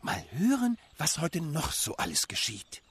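Gemütlicher, trockener Bär. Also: female voice, deep voice, huge pitch swings, measured pace, slightly rough, no room sound, full character voice. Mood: dry amused. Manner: dry, gently teasing. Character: calm, dry-witted bear, friendly listener. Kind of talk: children's radio play.

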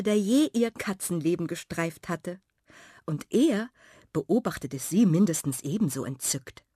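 A woman reads a children's radio story slowly and breathily, her pitch lifting and falling with the tale. The recording is close and dry, as from a studio microphone. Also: husky, no room sound.

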